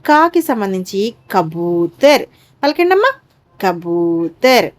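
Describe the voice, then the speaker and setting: Slow, high-voiced woman teaching children. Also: expressive. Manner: repeats each word twice, coaxing pupils with "amma". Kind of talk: slow Hindi lesson for children.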